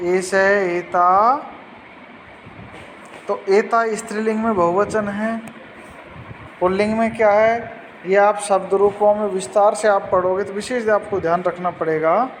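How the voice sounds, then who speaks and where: A man's voice: sits high, flat delivery, a little slow, long pauses, long reverb tail, a little hiss or hum, rough recording. A man teaching a Sanskrit lesson, patiently explaining words and asking pupils questions.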